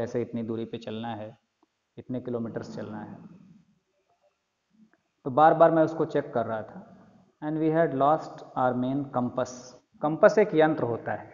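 A male teacher giving a lesson, reading English text aloud very slowly and then explaining each line in detail. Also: mid-range voice, steady tone, a little mellow. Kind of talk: classroom lecture explaining an English textbook chapter in Hindi. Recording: lo-fi recording with long echo.

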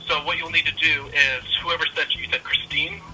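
A man's voice: on the high side, flat delivery, a little fast, heavy background noise. A man working in a shop, speaking over a phone line in casual, polite, somewhat hesitant customer-service talk. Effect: telephone. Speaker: retail store employee. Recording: voice heard over phone call.

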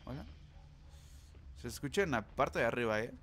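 A man giving live gameplay commentary, talking to his viewers and repeating words rapidly when excited. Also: medium pitch, slight background noise. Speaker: gamer.

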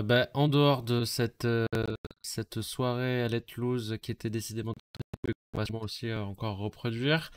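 Smooth-voiced man chatting about games. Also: mid-range voice, dry recording. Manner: talkative, animated recounting of games. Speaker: podcast co-host. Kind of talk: casual gaming chat.

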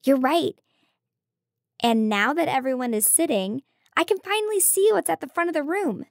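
A woman voicing a bright young girl explorer in a children's audio drama, explaining history facts in a clear storytelling way. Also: high voice, expressive, normal speed, no echo, clean studio sound. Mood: excited.

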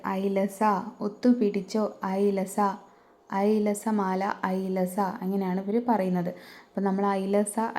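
A woman teaching a class of young children, reading rhymes slowly in a sing-song way and asking them questions. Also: mid-range voice, warm tone. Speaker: primary school teacher. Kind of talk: textbook lesson for young children.

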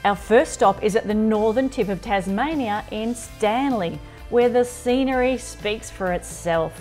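A woman's voice: fairly high pitch, measured pace, over music. A woman in her forties with an Australian accent, presenting a travel road trip with upbeat, encouraging narration. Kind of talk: travel narration and car chat. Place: inside a moving car.

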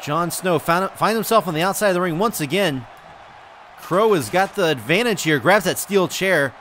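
High, bright-voiced excitable male commentator. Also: normal speed, a little hiss or hum. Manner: excitable, often shouting and exclaiming; addresses viewers as folks. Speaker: wrestling video game commentator.

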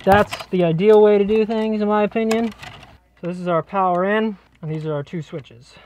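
A man's voice: sits high, fairly even intonation, moderate pace, darkish tone, a little hiss or hum. A man explaining electrical work on the job in a cramped basement, in a casual, joking way. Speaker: electrician host. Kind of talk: explaining on-the-job wiring to camera. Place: cramped basement crawl space.

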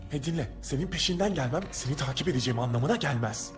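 A man's voice: fairly high pitch, animated, quick pace, lightly acted. A man playing a skinny, exasperated turkey sidekick in a cartoon dub, complaining with whiny sarcasm. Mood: annoyed. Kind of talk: Turkish cartoon dub acting. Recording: film soundtrack with music underneath.

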